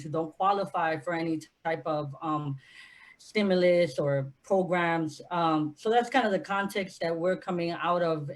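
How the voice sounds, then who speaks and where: A woman from Honduras speaking on a panel as an organizer, earnest and impassioned. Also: fairly low pitch. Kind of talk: panel discussion.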